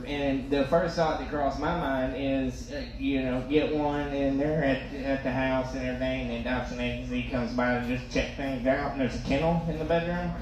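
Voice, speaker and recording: Male stand-up comic, toothless slurred diction, self-deprecating and informal, heard in a heavily reverberant room over clear background noise. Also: mid-range voice. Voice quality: toothless, slightly slurred articulation. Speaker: stand-up comedian. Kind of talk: stand-up comedy storytelling. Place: live comedy stage in a reverberant room.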